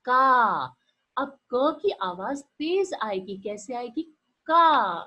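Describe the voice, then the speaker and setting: A woman teaching a Hindi lesson to young children, slow and encouraging, drawing out each sound and asking the class questions. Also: fairly high pitch, very animated, husky, highs cut off. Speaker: primary school teacher.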